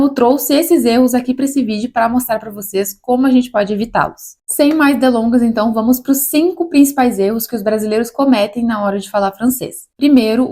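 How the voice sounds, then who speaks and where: A woman's voice: fairly high pitch, a little mellow. Chatty Brazilian woman teaching French. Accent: Brazilian Portuguese. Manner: explanatory, chatty, demonstrates French sounds. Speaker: French teacher, channel host. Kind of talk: casual video lesson.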